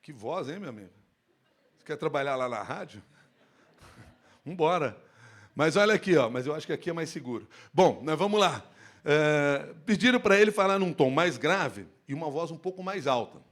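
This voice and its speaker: Animated man giving a live lecture. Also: fairly high pitch, moderate pace. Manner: animated, expressive, shifts tone to demonstrate. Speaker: speaker at a workplace safety event. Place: event stage. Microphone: handheld microphone.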